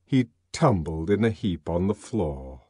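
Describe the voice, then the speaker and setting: Male audiobook narrator, slow and dramatic, lively pitch, dry studio sound. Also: dry recording. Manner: expressive, emphatic narration.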